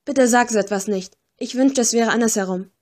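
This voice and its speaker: A woman's voice: a little high, brisk, a little mellow, lightly acted. Woman voicing a pleading, distraught young girl. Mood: pleading upset. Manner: pleading, urgent. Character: young woman, frightened and grieving. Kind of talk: audiobook character voice.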